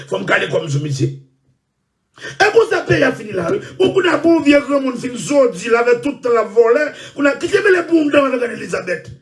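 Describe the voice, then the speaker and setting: A man hosting an online show, ranting loudly and repeating himself. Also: very high voice, distant mic. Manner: shouting, loud and repetitive. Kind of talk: impassioned rant.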